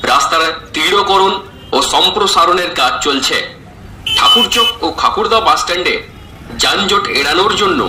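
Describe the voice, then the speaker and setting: A man reading out a formal public announcement over a loudspeaker, measured and spoken in short phrases. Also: high-pitched. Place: outdoors on a street. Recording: echoey outdoor loudspeaker, faint noise.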